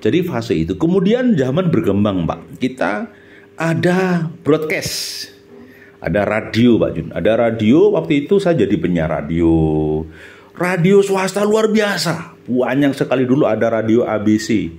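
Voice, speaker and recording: A middle-aged former radio announcer, now hosting a channel, reminisces aloud in a Central Javanese Indonesian accent, his pitch swooping with great animation and his pace a little slow. Chatty as he goes, he keeps checking in with his listener through short questions while a companion chimes in.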